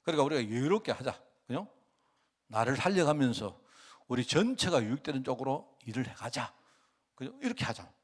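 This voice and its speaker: A male pastor delivers a sermon in a conversational way, turning often to the congregation with questions. His pitch and loudness rise and fall in lively swings. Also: a little fast.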